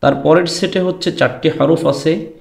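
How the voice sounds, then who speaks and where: A man's voice: fairly high pitch, vocal fry, a little mellow. A man teaching Quran letter pronunciation, explaining to his students and drawing out the letter names as he says them. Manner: drawn-out chanted letter names between explanations; addresses students directly. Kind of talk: pronunciation lesson. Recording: echoey room.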